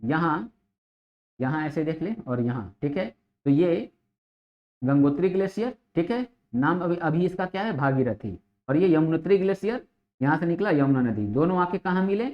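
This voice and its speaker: Speaking at a normal speed in a fairly high, expressive voice, this male teacher runs an exam-prep geography class and addresses the students as children. He asks questions only to answer them himself, hammering key words repeatedly with plenty of "ठीक है" checks, all captured in dull, lo-fi sound.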